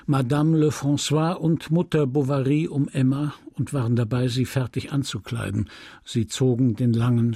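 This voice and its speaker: A man reads a classic novel aloud in a measured, grave narration. His voice is gravelly and husky, and the recording is dry and close, with no room sound. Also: medium pitch, mellow, dry recording. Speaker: audiobook reader. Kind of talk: scripted literary narration.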